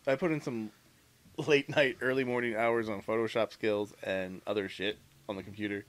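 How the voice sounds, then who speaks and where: A man's voice: fairly low pitch, steady tone, normal speed, fairly bright tone. A man co-hosting a podcast in casual chat, swearing often and trading jokes with his friends. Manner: profane, joking banter. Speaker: podcast co-host.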